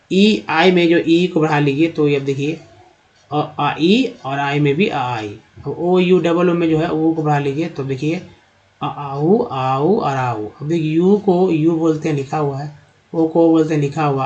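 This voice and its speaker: A man's voice: on the high side, a little mellow. A man teaching a phonics lesson, explaining step by step and asking questions before answering them himself. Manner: addresses viewers as friends, with frequent fillers like "jee haan". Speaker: English teacher. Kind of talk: Hindi-language phonics lesson. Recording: dull, lo-fi sound.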